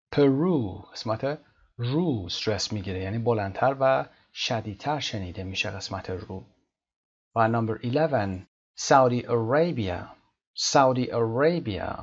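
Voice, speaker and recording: A male English teacher explaining a textbook lesson, slowing down to model pronunciation. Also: mid-range voice, husky, muffled recording.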